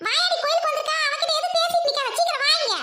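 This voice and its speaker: A woman voicing a bossy old grandmother who fusses and scolds loudly, in an audio drama. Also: extremely high pitch, racing, roomy sound. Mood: scolding. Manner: loud, scolding, fussing.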